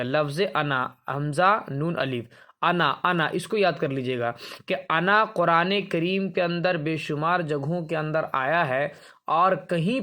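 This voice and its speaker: Male teacher, slightly higher voice, patient explainer who drags out example words and answers his own questions. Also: sharp tone. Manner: explanatory, repeats words slowly to demonstrate, asks and answers himself. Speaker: Quran reading teacher. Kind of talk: explaining a lesson on a primer chart.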